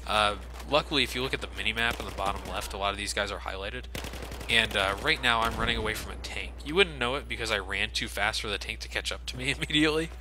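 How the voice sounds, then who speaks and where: This Let's Play commentator has a lowish voice and a quick pace, and his playthrough is casual, joking, sarcastic and profane. Background noise, including in-game gunfire and ambience, sits behind him.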